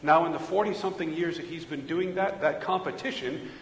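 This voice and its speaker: A man's voice: a little high, brisk, slight background noise. A male pastor preaching a sermon with rhythmic emphasis and rhetorical questions. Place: church sanctuary. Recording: echoey church from a distance.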